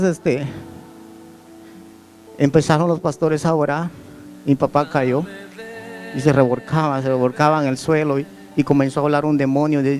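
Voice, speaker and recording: A man's voice: a little high, darkish tone. A man gives an earnest church testimony, repeating words as he tells his story. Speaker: church member giving testimony. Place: church service.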